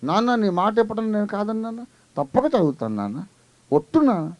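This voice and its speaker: A man's voice: sits high, very animated, fast, a little mellow, no room sound, muffled recording, voice pushed up. A man voicing a spoiled young son who whines and complains indignantly. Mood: pleading. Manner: complaining, exasperated.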